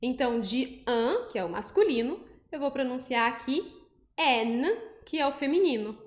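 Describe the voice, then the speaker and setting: A Brazilian woman teaching French pronunciation, explaining patiently step by step and saying each example word slowly. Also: high voice, animated, echoey room. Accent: Brazilian Portuguese. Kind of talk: pronunciation lesson.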